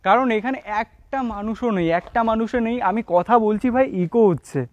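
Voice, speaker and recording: A man's voice: high-pitched, fairly quick, a little mellow, dull audio. A man from India chatting to his viewers on a walking-tour vlog, his voice echoing around an empty abandoned film set outdoors. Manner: chatty, keeps calling viewers brother. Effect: his voice echoing around empty abandoned buildings. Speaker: vlogger.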